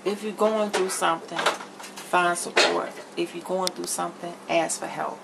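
A middle-aged woman vlogs from her home kitchen, chatting candidly, bluntly and emphatically to camera while she cooks. Her voice is on the low side and gravelly, with fairly even intonation and an unhurried pace. Noticeable background noise runs through the kitchen recording.

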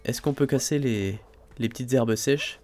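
A man's voice: mid-range voice, a little slow. Chatty man narrating his gameplay. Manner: chatty, thinks aloud, frequent "hein" and "euh" fillers; excitable, exclaims over new finds. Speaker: let's play host. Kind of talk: casual gameplay commentary.

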